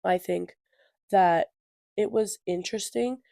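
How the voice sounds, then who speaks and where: An eighteen-year-old woman with a cold-stuffed nose co-hosts a podcast, chatting casually and packing her talk with fillers. Her medium-pitched voice is warm with vocal fry, and she speaks slowly. The studio recording is clean and dry.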